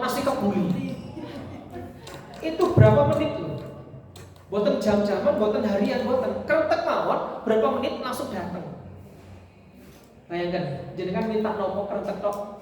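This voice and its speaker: A man's voice: high-pitched, moderate pace, long pauses, a little hiss or hum. Javanese-accented man teaching in an echoing hall. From East Java, Indonesia. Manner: animated storytelling, Javanese phrases mixed in. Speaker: mosque religious teacher. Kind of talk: mosque lesson on prayer recitation. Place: mosque hall. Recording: echoey hall from far off.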